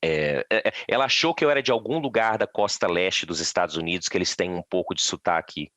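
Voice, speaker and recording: A man's voice: low-pitched, expressive, fast, fairly bright tone, no room sound. A Brazilian man chatting on a podcast, telling stories with many restarts. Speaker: podcast guest. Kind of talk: casual podcast chat.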